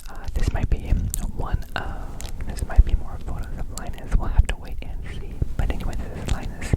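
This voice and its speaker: A man hosting ASMR in a whisper, rambling softly and repeating words and phrases. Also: moderate pace, low-quality recording. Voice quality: fully whispered, unvoiced voice. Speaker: host of an ASMR channel.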